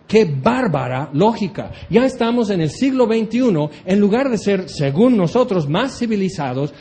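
A male preacher delivers a sermon full of ironic, challenging questions. His voice sits high for a man and has a soft, mellow tone.

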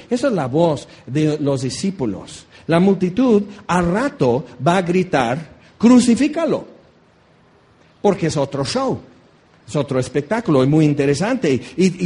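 A man preaching a lively sermon, telling stories and acting out voices along the way. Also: on the high side, husky. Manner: animated, acts out voices in asides.

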